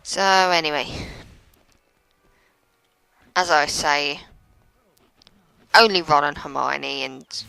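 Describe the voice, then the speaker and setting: Woman, casual gameplay commentator, deep-ish crisp dry voice, self-deprecating and prone to stumbles. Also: slow, long pauses, sharp tone, no echo, low-quality recording. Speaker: let's play commentator.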